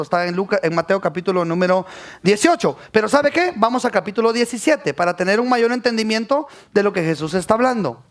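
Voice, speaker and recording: Pastor guy preaching, high voice, keeps asking the crowd if they're with him. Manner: preaching with rising calls to the congregation. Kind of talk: sermon.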